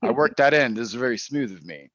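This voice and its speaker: A man's voice: mid-range voice, animated, fairly bright tone, dry recording. A man hosting a casual livestream panel, asking questions with many restarts and repeated words. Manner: halting, repeats words while phrasing questions. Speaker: panel host. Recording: muffled dry online audio.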